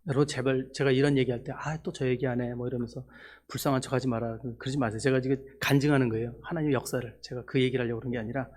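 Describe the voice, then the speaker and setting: A middle-aged man preaching in a church, giving a personal testimony that moves from soft, hushed prayer to loud, almost tearful excitement. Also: mid-range voice, very fast, hardly any pauses. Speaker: missionary preacher. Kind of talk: sermon testimony.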